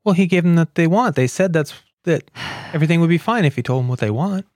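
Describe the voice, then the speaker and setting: Calm podcast co-host, brief remarks. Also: medium pitch, fast, no echo, studio quality. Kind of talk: casual chat.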